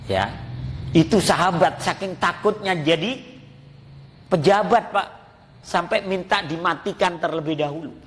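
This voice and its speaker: A man's voice: sits high, unhurried, long pauses, fairly bright tone, slight background noise. A man giving a mosque sermon, telling stories, acting out the voices in them and addressing his listeners as Pak. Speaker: preacher. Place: mosque hall. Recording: long reverb of a mosque hall.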